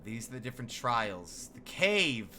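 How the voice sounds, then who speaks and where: A man commentating his own gameplay, thinking aloud and bursting into excited exclamations. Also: medium pitch, a little slow, a little hiss or hum. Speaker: streamer playing a video game. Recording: game music behind.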